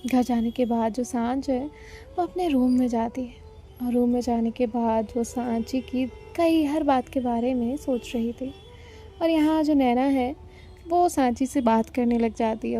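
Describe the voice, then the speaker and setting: High-voiced woman telling a story. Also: warm tone. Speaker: narrator. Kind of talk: storytelling narration.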